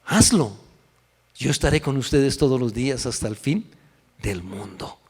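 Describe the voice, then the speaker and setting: A man preaching a sermon as pastor, telling a story in an animated, emotional way, recorded in a church hall. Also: medium pitch, moderate pace, husky. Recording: echoey hall reverb.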